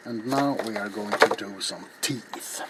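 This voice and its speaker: On the low side and a little slow, a middle-aged man's voice guides a casual ASMR craft tutorial as he works with his hands. He rambles in an offhand, self-deprecating style. The setting is a small, cluttered indoor hobby workshop, captured in a noisy home recording with clear background noise.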